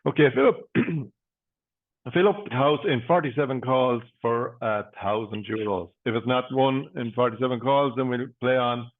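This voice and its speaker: A man with an Irish accent working as a bingo caller, calling numbers in measured, set phrases for an online game. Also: mid-range voice. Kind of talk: bingo calling with paired numbers and traditional nicknames. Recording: muffled phone-like online stream audio.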